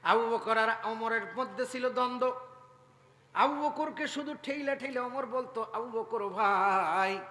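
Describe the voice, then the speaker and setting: A man preaching a storytelling sermon. He swings dramatically between soft narration and loud cries, and breaks into chanted verses. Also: extremely high pitch, fairly even intonation, normal speed. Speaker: Islamic preacher. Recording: echoey public-address sound in a large venue.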